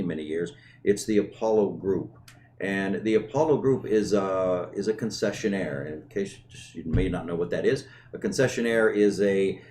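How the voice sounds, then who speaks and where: A man's voice: low-pitched, a little mellow, slight background noise. A middle-aged man hosting a show in a conversational, unscripted way, repeating words and phrases for emphasis. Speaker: host of a company community show.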